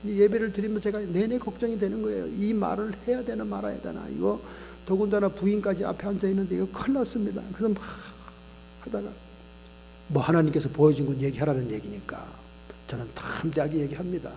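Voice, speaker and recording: A man's voice: high voice, quick pace, creaky, in a large hall, a little hiss or hum. A man preaching as a pastor, telling a story and acting out the voices of the people in it. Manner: animated storyteller who acts out the people in his story. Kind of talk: sermon storytelling. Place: church sanctuary.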